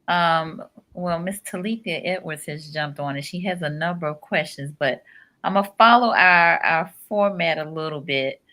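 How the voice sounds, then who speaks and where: A woman host who briskly steers a conversational interview over a video call. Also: low-pitched, pushed and bright.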